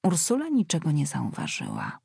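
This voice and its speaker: A woman narrating a novel in a calm, even storytelling manner. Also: sits low, moderate pace, vocal fry, breathy edge, dry recording, clean studio sound. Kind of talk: audiobook narration.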